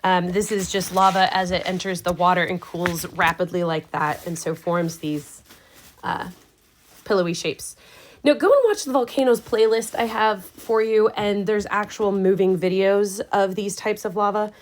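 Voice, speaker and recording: A woman's voice: mid-range voice, fairly even intonation, moderate pace, low-quality recording. A woman science teacher giving a casual, chatty recorded lecture full of wry asides and fillers. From Indiana, US. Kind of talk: recorded class lecture over slides.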